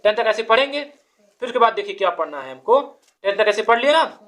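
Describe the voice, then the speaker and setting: A woman's voice: fairly high pitch, lively intonation, fairly quick, fairly bright tone. A woman teaching a child to count, patiently asking quiz questions and counting numbers aloud step by step.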